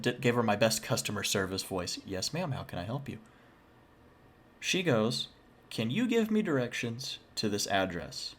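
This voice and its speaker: A young adult man casually telling a personal paranormal story, chatty and full of self-deprecating asides. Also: on the low side.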